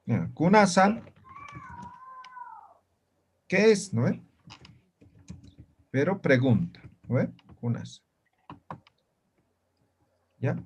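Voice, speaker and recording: A man teaching an online language class, speaking slowly and patiently and often checking that students follow. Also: on the high side, big pitch swings, slight background noise. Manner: slow, patient, keeps checking students understand.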